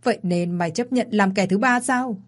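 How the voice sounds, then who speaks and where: A woman's voice: mid-range voice, moderate pace, natural voice. A woman voicing a weak, dying older mother in a story reading, by turns stern and pleading. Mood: scolding.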